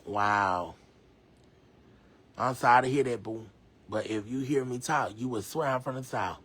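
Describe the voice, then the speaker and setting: A man casually reading viewer comments aloud on a live stream, chatty and slangy, reacting loudly and laughing. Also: mid-range voice, measured pace, breathy edge.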